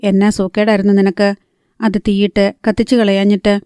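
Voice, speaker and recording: Woman narrator doing a sharp-tongued old grandmother for an audiobook; keep it level and dry. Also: mid-range voice, flat delivery, a little fast, clear, resonant tone, no echo, lightly acted. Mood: angry. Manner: scolding, sharp questioning. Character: stern old grandmother, quick-tempered.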